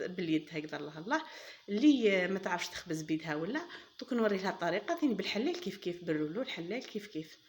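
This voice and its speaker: A woman with a lowish voice and an Algerian Arabic accent guides viewers through a recipe on her cooking channel, with a little hiss or hum on the recording. Chatty and enthusiastic, she addresses her audience as "girls" and praises generously while cooking.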